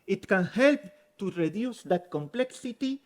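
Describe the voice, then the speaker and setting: A Spanish man with a high, somewhat dark voice speaks a little slowly but with animation, his accent blending Spanish and French. He is earnestly explaining his subject as a speaker giving a talk in a conference hall.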